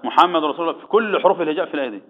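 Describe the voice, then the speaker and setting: A man's voice: fairly high pitch, expressive, rapid-fire. A man with an Egyptian accent teaching Quran recitation rules, quizzing his students and answering his own questions. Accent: Egyptian Arabic. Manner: asks the class questions and answers them himself. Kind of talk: tajweed lesson, quizzing students. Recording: echoey, tinny phone-like sound.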